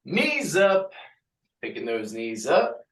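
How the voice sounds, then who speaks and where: A man leads a group exercise session, calling out reps and stretches. His voice sits a bit high for a man and he takes his time, trading jokes and small talk with the people working out. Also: huge pitch swings, slow. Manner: counts out reps and jokes with the class between exercises. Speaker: fitness coach. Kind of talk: leading a group workout class.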